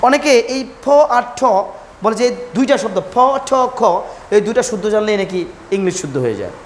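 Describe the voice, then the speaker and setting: A woman's voice: medium pitch, very animated, brisk, slight background noise. A woman teaching English pronunciation, repeating each letter sound and correcting common mistakes. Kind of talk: pronunciation lesson, drilling letters.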